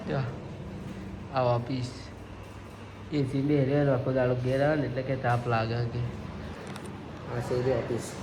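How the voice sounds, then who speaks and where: A lively man talks casually on a phone video, showing things off to the camera. His voice sits mid-range, and a steady hum of noise runs behind him. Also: mid-range voice, unhurried, long pauses. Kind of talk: casual vlog chat.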